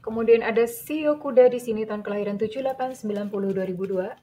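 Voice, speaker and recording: Gentle woman reading tarot. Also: on the high side, a little hiss or hum. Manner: gentle, addresses listener as dear; slow, measured listing. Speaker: tarot reader.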